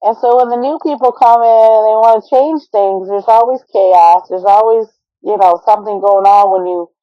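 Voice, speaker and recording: A woman's voice: mid-range voice, moderate pace, no echo, lo-fi sound. A woman from Thailand hosting an astrology podcast, talking casually and rambling with repeated words and fillers.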